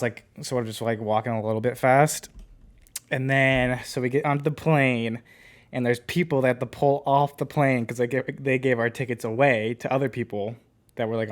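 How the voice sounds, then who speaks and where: A man co-hosting a podcast, casually telling a rambling story full of filler words. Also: mid-range voice. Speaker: podcast co-host.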